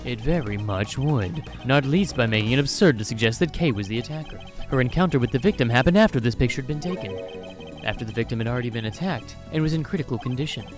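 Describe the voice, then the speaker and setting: A man's voice: mid-range voice, animated, fast talker, lightly acted. Man playing a wry, formal legal investigator. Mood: confident reasoning. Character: composed, dry, argumentative male legal investigator. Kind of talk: improvised comic game dub. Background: game music.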